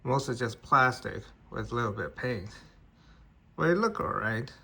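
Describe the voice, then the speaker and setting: A man's voice: mid-range voice, expressive, moderate pace, vocal fry, sharp tone, slightly rough. A man, not an English speaker, casually reviewing an action figure in plain conversational talk with restarts. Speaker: toy reviewer.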